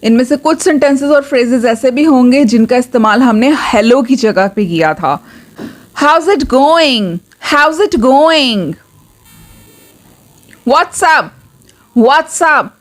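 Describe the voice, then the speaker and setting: A woman teaching spoken English, repeating each practice phrase twice in a slow, careful drill. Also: high voice, lively intonation. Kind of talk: language lesson.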